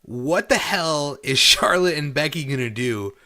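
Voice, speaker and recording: A man's voice: on the high side, lively intonation, unhurried, bright, forceful tone. A man co-hosting a wrestling podcast, chatting casually and opinionatedly, repeating points for emphasis. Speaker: podcast co-host.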